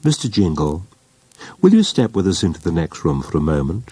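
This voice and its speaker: A man's voice: deep voice, wildly swooping pitch, a little fast, dark tone, husky, no echo, exaggerated voice. A man voicing a fussy little lawyer in an audiobook, coaxing and repeating himself hesitantly. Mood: anxious coaxing. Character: fussy little male lawyer, anxious to settle matters.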